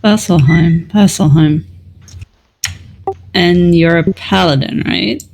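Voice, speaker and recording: A woman's voice: fairly low pitch, slow pace, gravelly, darkish tone. A woman playing a tabletop role-playing game, asking curious questions in character. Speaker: player.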